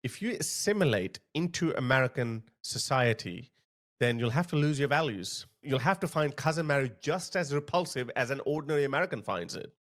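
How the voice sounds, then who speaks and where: A man's voice: medium pitch, lively intonation, brisk, fairly bright tone. A man giving blunt, opinionated commentary while reacting to a video clip. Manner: blunt, scornful.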